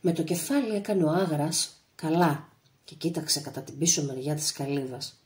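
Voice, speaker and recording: A woman reads a novel aloud in a measured, dramatic audiobook voice. Her voice sits very low for a woman, steady and deliberate. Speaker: audiobook narrator. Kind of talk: literary audiobook narration.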